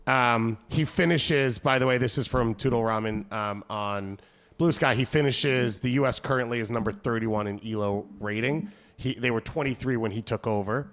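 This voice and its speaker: A man hosting a casual soccer panel, talking quickly and thinking aloud. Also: mid-range voice, a bit bright.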